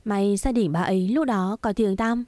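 A woman voicing a gentle, patient middle-aged mother who soothes her daughter in a storybook reading, with a soft coaxing tone and a dry recording. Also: medium pitch, moderate pace, no room sound, close to an everyday voice. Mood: recounting.

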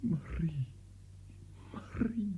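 An impassioned, husky young nobleman. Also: high-pitched, animated, extremely slow, full character voice. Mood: tender. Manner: fervent, drops to pleading whispers. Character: impassioned young male nobleman begging forgiveness. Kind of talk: 1940s radio acting. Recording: dull lo-fi 1940s radio recording.

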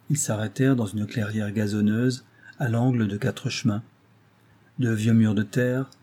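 Husky, dark-voiced male narrator. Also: medium pitch. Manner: steady, literary storytelling. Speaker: audiobook narrator. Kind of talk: scripted narration.

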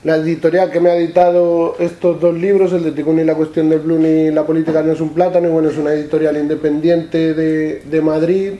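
Halting Manchegan man giving a talk. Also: a little high, level tone, mellow, lo-fi sound. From La Mancha, Spain. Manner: halting, repeats words and adds "¿no?" often. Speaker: author presenting his books. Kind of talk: public talk. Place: event room with an audience. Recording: echoey room.

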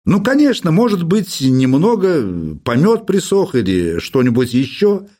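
A man's voice: on the high side, big pitch swings, measured pace, dark tone, pitched above the performer's own voice. A man doing a fussy provincial farm manager. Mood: anxious. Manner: anxious, fussing.

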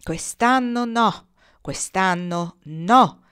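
A woman's voice: on the high side, expressive, measured pace, voice pushed up. A woman doing a sing-song young boy calling down. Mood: calling, firm. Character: young boy riding with wild geese, cheerful and firm.

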